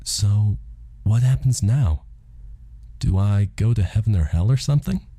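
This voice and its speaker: A man's voice: on the low side, expressive, measured pace, mellow, pitched above the performer's own voice. A man voicing a bewildered, newly dead middle-aged man in an audiobook, anxious, hesitant and full of questions. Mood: questioning. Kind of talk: audiobook character dialogue.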